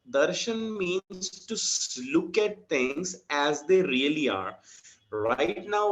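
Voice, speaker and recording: Patient male teacher on a dull video call. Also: on the high side. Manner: patient, explains slowly with many checks for understanding. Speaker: yoga teacher. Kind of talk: online class explanation. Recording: dull lo-fi video call audio with faint music.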